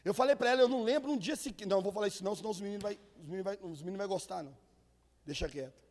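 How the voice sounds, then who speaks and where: A man's voice: high-pitched, rapid-fire, slight background noise. A man, a pastor preaching a sermon, telling stories and acting out the people in them. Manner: lively storytelling, acting out quoted people. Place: church hall. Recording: long reverb of a church hall.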